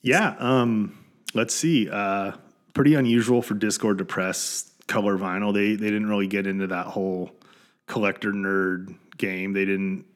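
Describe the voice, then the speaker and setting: Low-voiced man, halting casual chat. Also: steady tone. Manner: halting, many fillers and restarts. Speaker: podcast co-host.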